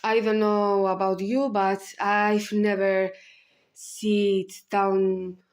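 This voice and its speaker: A woman's voice: mid-range voice, flat delivery, extremely slow, a little mellow, faint music behind. A woman in her thirties with a Spanish accent, giving a candid film analysis with blunt asides. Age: 30s. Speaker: video essayist.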